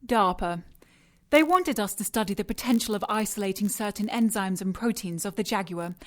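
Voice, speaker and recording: An actress voices a cold, mocking, seductive female scientist who runs the experiments in a sci-fi noir audio drama. She speaks with clinical precision and teasing condescension in a natural, mid-range voice at a moderate pace. The mood is clinical and matter-of-fact.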